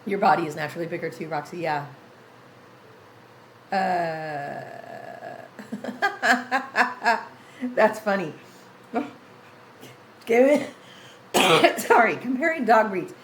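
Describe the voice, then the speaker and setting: A woman's voice: mid-range voice, expressive, slow pace, long pauses, a bit bright, roomy sound, slight background noise, poor audio. A woman in her sixties hosting a gaming livestream, chatting casually with her viewers and reading chat names aloud, rambling with frequent restarts. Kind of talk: casual chat with live chat readers.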